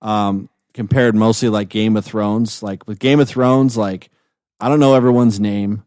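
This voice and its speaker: A man's voice: fairly low pitch, fairly even intonation, measured pace, darkish tone, no room sound, studio quality. A man co-hosting a film podcast in casual chat, easygoing and full of "like" and "you know". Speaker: podcast co-host.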